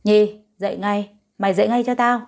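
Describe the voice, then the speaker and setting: A woman's voice: mid-range voice, fairly even intonation, moderate pace, lightly acted. A woman voicing an angry, domineering middle-aged father in an audio story, giving harsh commands. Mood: furious.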